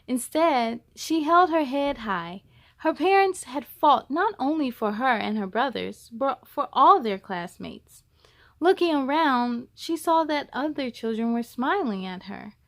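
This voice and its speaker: In a high-pitched voice, a woman reads a picture book to children as a story-time host. Her storytelling delivery is expressive and deliberate.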